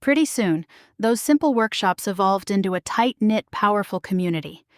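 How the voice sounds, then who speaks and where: A woman in her fifties telling her own story in a measured, reflective voice of middling pitch. The sound is dry and close, with no room around it. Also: expressive, dry recording. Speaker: narrator. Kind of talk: scripted first-person story narration.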